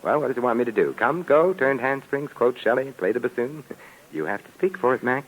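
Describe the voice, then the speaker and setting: An actor playing the Saint, a suave, sardonic, wisecracking adventurer in a 1950s radio detective drama. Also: male voice, medium pitch, animated, a little fast, close to an everyday voice, poor audio. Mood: wry, teasing. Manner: sardonic, urbane, playful. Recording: vintage 1950s radio recording.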